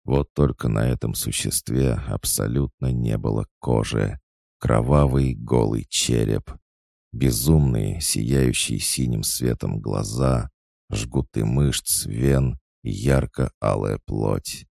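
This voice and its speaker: A man narrating a dark fantasy audiobook in a measured, dramatic way. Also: rumbling low, creaky, no echo, clean studio sound.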